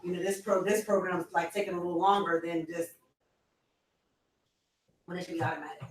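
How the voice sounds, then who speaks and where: A man's voice: high voice, level tone, a little fast, recorded from a distance. Guest in a talk, man, casual and filler-heavy, set back from the mic in a roomy space with faint hiss. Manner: chatty, many "like" fillers, shares personal testimony. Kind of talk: casual chat.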